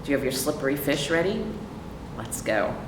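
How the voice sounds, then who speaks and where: With a very deep voice, an American librarian reads picture books to young children, animated and expressive. She asks the listeners questions, then pauses for their answers. The recording is echoey, roomy and noisy, made far from the microphone.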